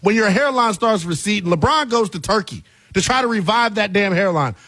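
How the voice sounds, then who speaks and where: This sports talk radio host speaks from a radio studio with a high, expressive voice that is brisk and sharp in tone, recorded dry. Mixing monologue with caller chat, he's colloquial and emphatic, driving points home through repetition.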